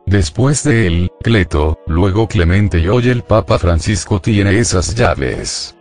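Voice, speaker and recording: A man with a low voice reads a scripted reflection in measured, declarative sentences. Soft music plays faintly underneath. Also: expressive.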